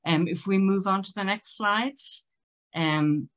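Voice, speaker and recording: A woman delivers an illustrated talk on literary history at a steady, even pitch. She speaks in a measured, thoughtful way, pausing on fillers and restarting phrases as she reads out quotations from her slides. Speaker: speaker giving a presentation.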